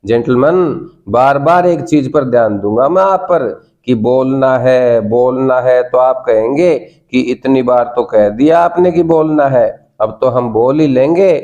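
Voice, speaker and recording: Man, Indian accent, English teacher, mellow tone, coaxing, repeats prompts. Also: medium pitch, unhurried, few pauses, highs cut off. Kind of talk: classroom lesson.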